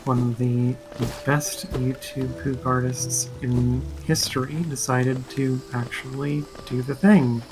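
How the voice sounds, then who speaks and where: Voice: medium pitch, flat delivery, slow, hardly any pauses, low-quality recording. A companion chatting with the streamer in a dry, matter-of-fact, teasing way. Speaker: co-commentator sitting with the streamer. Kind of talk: casual chat.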